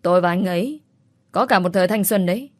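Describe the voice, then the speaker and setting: A woman reads out a scornful young woman shrieking at her rival in an audio storybook, spiteful and shrill. The voice sits rather low and sounds dry and close, with no room around it. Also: quick pace, dry recording, lightly acted. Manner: shrieking accusations.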